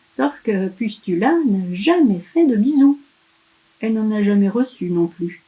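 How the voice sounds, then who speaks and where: A woman narrating a children's picture story aloud in an expressive, emphatic way. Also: medium pitch, a little slow, highs cut off.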